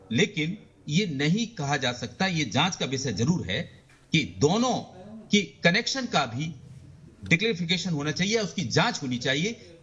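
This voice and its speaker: Man phoning into a debate: breathy tone, slightly high pitch, dull phone-line sound, emphatic commentary. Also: a bit bright. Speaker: senior journalist, panel commentator.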